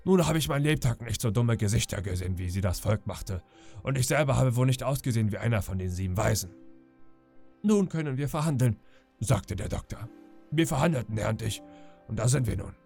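A cunning old pirate captain talks a captive round with oily friendliness, as a man reading aloud puts him on. The gravelly rasp stays through every coaxing line. His warmth never quite hides the menace. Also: mid-range voice, expressive, fairly quick, faint music behind. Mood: storytelling. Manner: wheedling, falsely friendly with sudden threats. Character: sly smooth-talking old male pirate captain.

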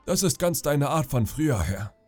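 A man's voice: a little high, very animated, normal speed, a little mellow, soft background music, voice pushed up. A man voicing a sly old pirate who speaks in a falsely friendly, ingratiating way. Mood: wheedling. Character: sly old one-eyed male pirate, wheedling.

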